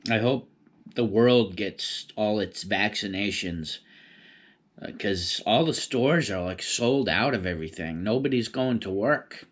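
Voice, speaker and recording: A man's voice: on the low side, measured pace. A man chatting casually on his own in a rambling, laid-back stoner manner. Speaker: vlogger. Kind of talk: casual solo rambling chat.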